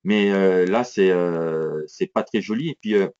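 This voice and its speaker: Quick, punchy man, dull lo-fi sound. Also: low-pitched, a little mellow, clean tone. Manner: quick, punchy, many hein and voilà fillers. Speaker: trading instructor. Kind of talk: live educational screen walkthrough.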